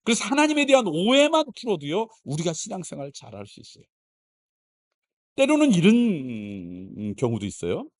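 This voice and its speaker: A man's voice: high-pitched, huge pitch swings, moderate pace. A middle-aged male pastor preaching a revival sermon in a church, talking conversationally, acting out quoted prayers and small dialogues, and asking the congregation questions. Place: church sanctuary.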